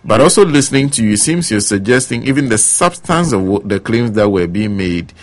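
A man hosts a radio interview in a fairly low voice. He puts questions to his guest, restating the points under discussion. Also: animated, brisk. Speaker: radio host.

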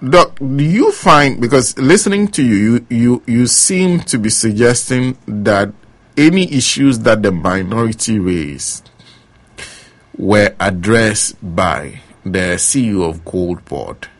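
A man's voice: on the low side, animated, slow pace. A man questioning a guest as the host of a radio interview.

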